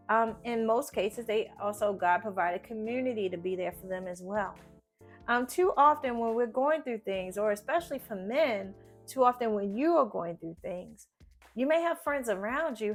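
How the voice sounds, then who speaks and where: A woman giving casual Bible teaching, lively and conversational, often tagging lines with a questioning "right?". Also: a little high. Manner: animated, tags sentences with "right?"; acts out biblical figures in slangy voices.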